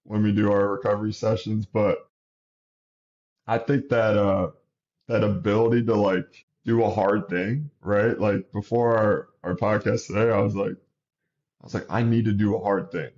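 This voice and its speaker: Relaxed man in his thirties, sniffly. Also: lowish voice, a little slow, highs cut off. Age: 30s. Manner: relaxed, rambling, with many restarts. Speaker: basketball coach and guest. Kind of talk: casual interview chat.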